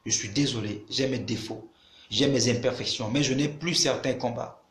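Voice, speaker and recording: A man's voice: mid-range voice, normal speed, fairly bright tone, roomy sound. A man preaching a sermon to a video audience, emphatic and repeating his phrases as he addresses listeners directly.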